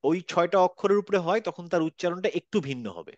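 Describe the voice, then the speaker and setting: Man teaching pronunciation, slow repeated letters. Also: sits high, no room sound, highs cut off. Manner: patient, repeats letters slowly to demonstrate. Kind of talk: online class teaching. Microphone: video call.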